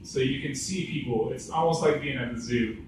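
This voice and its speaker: A man's voice: mid-range voice, normal speed, recorded from a distance, background noise. Rambling male comic in echoey room. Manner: rambling, filler-heavy storytelling with many "like"s. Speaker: stand-up comedian. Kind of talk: stand-up storytelling at an open mic. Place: echoing open mic venue. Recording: very echoey room recorded from afar, faint ambience.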